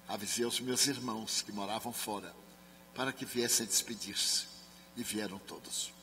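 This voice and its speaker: Man telling a story in a reverberant hall. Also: on the low side. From Brazil. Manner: dramatic storytelling, dropping to soft murmurs when quoting others. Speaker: Spiritist medium and speaker. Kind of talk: seminar talk, personal storytelling. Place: large sports and culture hall. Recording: reverberant hall, faint hum.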